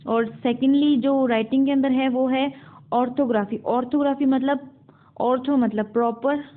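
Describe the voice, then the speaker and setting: A woman with an Indian accent teaches a syllabus topic, walking through each point and then rephrasing it. Her voice sits a little high. The sound is narrow and phone-like, as if recorded on a basic device. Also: steady tone, normal speed. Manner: explains in Hindi mixed with English terms, repeating and rephrasing. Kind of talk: explaining a university English syllabus topic.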